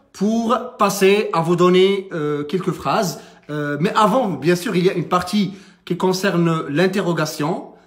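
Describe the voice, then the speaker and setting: Slow, halting male French teacher in a roomy space. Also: sits high. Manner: slow, halting explanation with many fillers and rising question tags. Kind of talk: classroom grammar lesson. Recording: roomy, from some distance.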